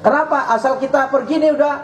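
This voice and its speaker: A man preaching a sermon with a Jakarta Betawi accent, joking with the crowd and at times shouting. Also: very high voice, fast talker, lo-fi sound. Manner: joking, rising to shouts at points. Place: mosque or prayer hall. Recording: echoey hall with faint hum.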